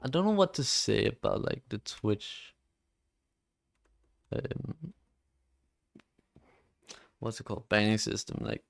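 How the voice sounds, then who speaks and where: A man's voice: fairly low pitch, expressive, slow pace, creaky, pauses often. An eighteen-year-old man streaming live, chatting casually while he codes, rambling with lots of "like" fillers and frequent swearing.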